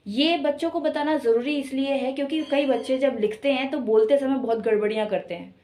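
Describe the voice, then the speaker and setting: Woman teaching a Hindi class, slightly high voice. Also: mellow. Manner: explains step by step, stretching example words slowly for emphasis. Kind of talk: online class lecture.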